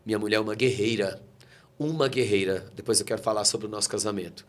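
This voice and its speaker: A quick-paced, lowish voice belongs to a Brazilian pastor in his forties appearing as an interview guest. He recounts an emotional testimony with fervent, preacherly scripture quotations.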